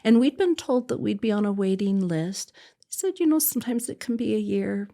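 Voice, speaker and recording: A woman's voice: medium pitch, expressive, fairly quick, vocal fry, dark tone. A woman, a podcast guest and adoptive mother, telling her personal story in conversation and acting out what other people said. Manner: vivid storyteller who acts out other people's words.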